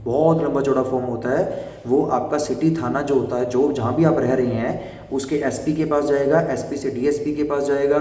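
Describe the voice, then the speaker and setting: A young man giving fast, direct advice to job interview candidates in an instructive explainer style. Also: medium pitch, mellow. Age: young adult. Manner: brisk and instructive, addresses viewers directly. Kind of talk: explainer video talk. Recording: echoey room, voice from far off the mic.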